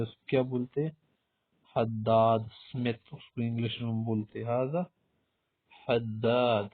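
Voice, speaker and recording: A man teaching a vocabulary lesson, who asks his own questions, answers them and repeats each word several times. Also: mid-range voice. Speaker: Arabic teacher. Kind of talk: Urdu-language vocabulary lesson. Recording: tinny phone-like audio.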